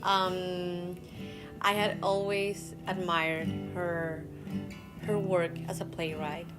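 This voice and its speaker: A woman from Colombia, an actor, speaking deliberately and admiringly in a documentary interview. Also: lowish voice, little pitch movement. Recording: guitar music under voice. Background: guitar music.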